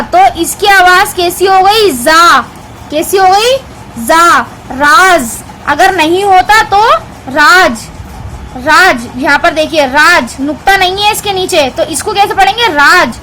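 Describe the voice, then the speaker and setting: A woman teacher from India giving an online lesson to young children, explaining a textbook page by page in a clear, instructive way. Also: very high-pitched, pushed and bright. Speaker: primary school teacher.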